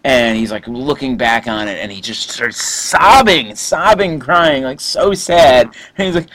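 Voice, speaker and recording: A man co-hosting a casual chat show, joking and animated, with plenty of fillers. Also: medium pitch, a little slow, poor audio. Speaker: podcast co-host.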